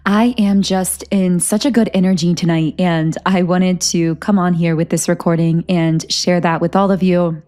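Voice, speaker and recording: A woman reading tarot for her channel, speaking in an earnest, flowing way with a medium-pitched voice. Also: fairly even intonation, mellow. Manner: earnest, flowing, self-aware of speaking fast. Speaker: tarot reader. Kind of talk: spiritual channeling monologue.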